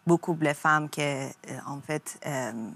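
A young woman from Iran, a talk show guest speaking halting French and searching for her words. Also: low voice, a bit bright.

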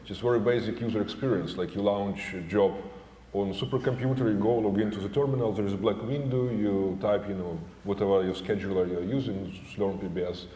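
Deep, dark-voiced man in a hall. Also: steady tone. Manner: hesitant, with halting repeats. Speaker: panelist. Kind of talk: conference panel discussion. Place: large conference hall stage. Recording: echoey hall with faint room noise.

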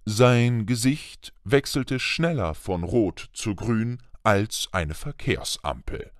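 A man narrating a children's fantasy audiobook in a slow, expressive storytelling manner. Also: on the low side, dry recording, studio quality.

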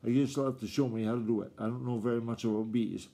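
A man's voice: medium pitch, steady tone, fast, mellow, natural voice. A dad reading as a mild young farm boy. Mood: unsure. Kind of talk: reading aloud a storybook.

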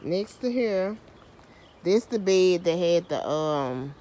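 A mellow, fairly low and expressive voice belongs to a home gardener and vlogger who speaks slowly during an outdoor garden tour. She films on a handheld phone camera, chatting away, teasing herself, and using Southern US slang.

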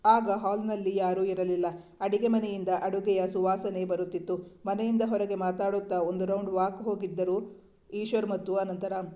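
Highish mellow male storyteller. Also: level tone, normal speed. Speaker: story narrator. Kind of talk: scripted storybook narration.

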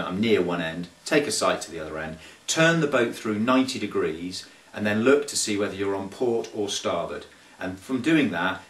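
With a low, fairly bright voice, a man in his thirties who coaches sailing explains things casually to camera. He sounds thoughtful but hesitant, often restarting and using fillers. The camera mic sits a few feet away in a small carpeted room, so the audio is roomy and echoey.

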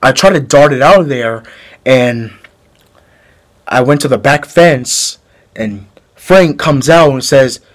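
A man plays a male killer in an amateur home-video drama, telling his story in a slow, drawn-out way. He rambles and halts, restarting his sentences as he goes. His voice sits at an ordinary middle pitch. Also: lively intonation. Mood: flat confessing. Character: rambling male killer confessing a brutal fight.

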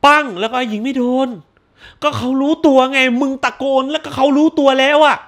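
A man giving a casual spoiler review of a horror movie, talking in crude slang and acting out scenes with bursts of shouting. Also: extremely high pitch, fairly quick.

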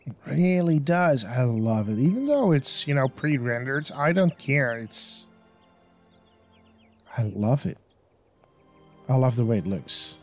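A man's voice: mid-range voice, very animated, takes it slowly, long pauses, faint music behind. A man giving casual, enthusiastic commentary while playing a video game, thinking aloud as he goes. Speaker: let's play host.

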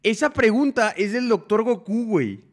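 This young streamer, whose accent is Mexican Spanish, reads stories from viewers out loud during a relaxed livestream. He speaks at a normal speed with lively intonation and a high-sitting voice, peppering his talk with slang and offhand swearing. Frequent laughs break up his lines.

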